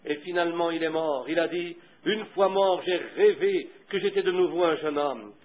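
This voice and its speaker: Fervent high-voiced preacher, tinny old recording. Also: male voice, normal speed. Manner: fervent, swings from hushed to loud. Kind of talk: sermon with a story and prayer.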